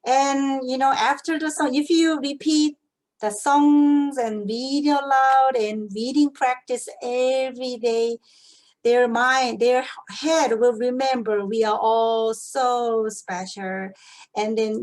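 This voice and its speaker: Female English teacher, lively picture-book reader, unhurried delivery. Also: on the high side. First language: Korean. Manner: lively, asks children questions. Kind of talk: demonstrating a picture-book read-aloud.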